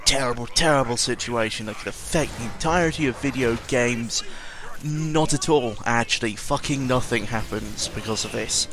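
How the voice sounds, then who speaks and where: A man with a mid-range voice hosts a casual, rambling audio-log monologue at a moderate pace. He's sardonic and cynical, frequently cutting himself off and swearing freely.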